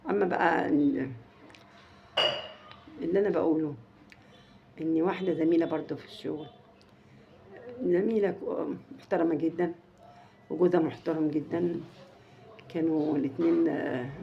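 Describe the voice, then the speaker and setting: A soft-voiced woman with an Egyptian accent, telling a story to her viewers in a halting way with many restarts. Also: sits low, steady tone, vocal fry, dull audio, a little hiss or hum. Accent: Egyptian Arabic. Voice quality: naturally soft, quiet voice. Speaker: family channel vlogger.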